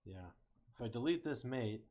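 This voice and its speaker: Captured on a slightly muffled lo-fi mic, this young engineering student talks casually through his on-screen CAD design. His mid-range voice has lively intonation and a normal speed as he thinks out loud, fixes his own mistakes and cracks little jokes.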